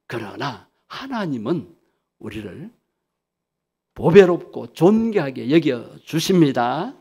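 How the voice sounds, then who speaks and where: A man's voice: medium pitch, very animated, slow pace, mellow, husky. A male pastor preaching a sermon emphatically, leading the congregation in repeating phrases.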